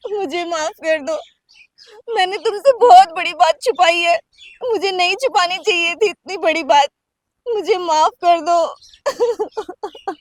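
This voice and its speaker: An actress playing a middle-aged village wife, emotional and pleading, in a short drama. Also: female voice, extremely high pitch, normal speed, fairly bright tone, no room sound. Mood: tearful. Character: wronged wife, fierce then remorseful. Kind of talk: village short-film acting.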